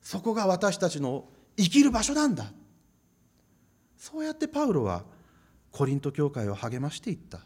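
Male pastor, sermon, high lively voice, emphatic repetition. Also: normal speed, long pauses, husky. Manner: emphatic, repeating phrases for stress.

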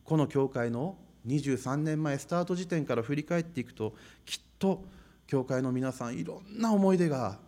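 A man's voice: fairly high pitch, lively intonation, moderate pace, dark tone. A man preaching a sermon as pastor, emphatic and repeating phrases for stress.

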